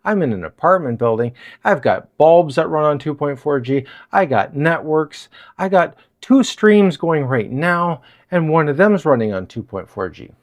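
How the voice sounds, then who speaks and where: Lively chatty man reviewing gear. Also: a little high, normal speed, few pauses. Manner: chatty, explanatory, lively delivery. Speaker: product reviewer. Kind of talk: casual product review. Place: apartment. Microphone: wireless lav mic.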